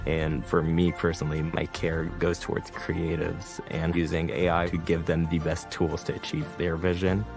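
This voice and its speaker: A male student from Egypt giving an earnest, measured testimonial about his studies. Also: sits low, monotone, gravelly. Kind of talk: scripted promo testimonial. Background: background music.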